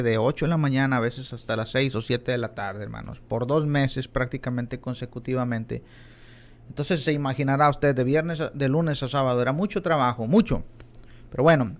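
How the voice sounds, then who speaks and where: Man, middle-aged, earnest Bible class preacher, emphatic rises on key words. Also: mid-range voice. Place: church in Texas.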